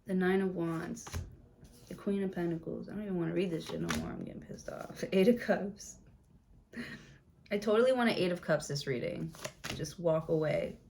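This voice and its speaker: Blunt, lower-voiced woman reading tarot. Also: moderate pace, creaky, long pauses, darkish tone, a little hiss or hum. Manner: blunt, profane, chatty. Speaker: tarot reader. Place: room with a window open.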